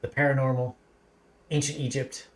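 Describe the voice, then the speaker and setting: A man's voice: medium pitch, normal speed. A man hosting a casual livestream interview, chatting loosely and plugging upcoming shows. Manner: relaxed, chatty, plugs upcoming streams. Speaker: host.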